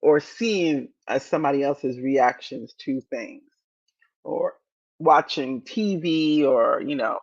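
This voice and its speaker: A woman in her fifties hosting a motivational podcast, speaking deliberately and repeating key phrases to encourage listeners. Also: extremely low pitch, dull audio. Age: 50s. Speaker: podcast host.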